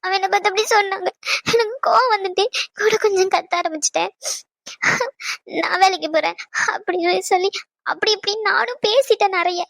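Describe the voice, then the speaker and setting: A woman's voice: very high voice, fairly even intonation, fast, gravelly, a bit bright, dry recording, full character voice. A woman voicing an upset young married granddaughter in a cartoon, talking in a hurt, pleading way. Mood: tearful. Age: young adult. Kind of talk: cartoon voice acting.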